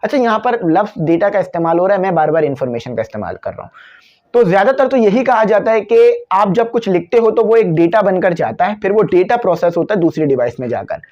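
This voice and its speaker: A man's voice: high-pitched, lively intonation, quick pace, a little mellow, dull audio. A man with a Pakistani Urdu accent teaching a physics class, explaining with everyday examples and slipping into English for terms, on a cabled microphone. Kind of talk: classroom lecture video.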